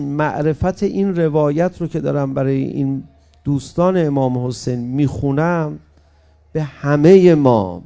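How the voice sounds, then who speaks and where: A man preaching an emotional religious sermon with a high, gravelly voice. He moves between loud calls to his listeners and hushed, pleading passages. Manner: dramatic, shifts between loud exhortation and soft pleading.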